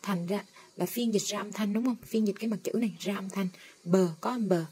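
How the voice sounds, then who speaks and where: A woman teaching English phonics, slowly drawing out and repeating each sound as she models it. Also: medium pitch, mellow, slight background noise. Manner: slow, drawn-out modeling of sounds. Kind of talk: phonics lesson.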